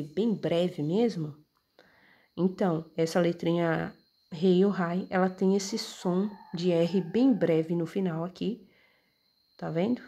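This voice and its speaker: In a lowish, dark voice, a religious teacher walks through scripture in a relaxed, conversational manner. She points at the text while reading and keeps checking in with her listener.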